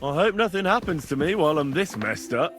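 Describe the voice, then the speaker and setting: Video game: rough young medieval adventurer, cheeky, coarse, slightly high and swinging voice. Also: male voice, lively intonation, a little fast, a bit bright, soft background music. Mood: drunken. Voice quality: colloquial, coarse speech. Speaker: game protagonist.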